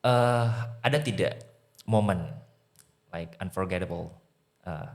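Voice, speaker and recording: A man's voice: low voice, slow pace. A man from Indonesia hosting a podcast, affirming his guest and asking long, hesitant questions. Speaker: podcast host. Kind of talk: podcast interview.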